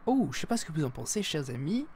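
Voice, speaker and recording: A man's voice: fairly high pitch, sing-song, quick pace, darkish tone, a little hiss or hum. A man giving casual live gameplay commentary as a streamer, playful and self-mocking, with sudden exclamations. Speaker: gaming streamer.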